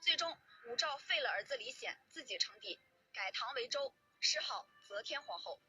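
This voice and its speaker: Female narrator, scripted history storytelling, piercingly bright and husky, colloquial delivery, light music behind. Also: a little high, big pitch swings, normal speed.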